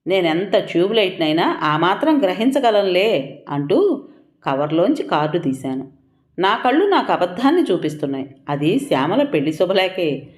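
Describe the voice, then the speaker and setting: A woman's voice: on the low side, a little mellow, roomy sound. A woman narrating an audio story in the first person, telling it expressively.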